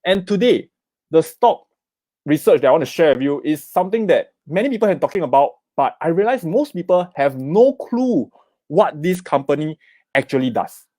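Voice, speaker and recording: In a dry recording, a middle-aged man with a Singaporean accent gives a live investment seminar at an online summit. His voice sits on the high side with a dark tone, very animated at a normal pace, and he keeps checking "okay?" and "right?" while pushing viewers to comment.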